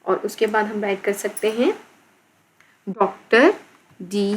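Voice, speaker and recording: A woman's voice: mid-range voice, slow, a little hiss or hum. A woman teacher with a Pakistani accent explaining an English lesson in Urdu, repeating words and spelling them out letter by letter.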